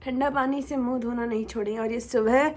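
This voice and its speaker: High-voiced playful young woman vlogger. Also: steady tone, brisk. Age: young adult. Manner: playful, chatty, teasing viewers directly. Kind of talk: casual chit-chat vlog.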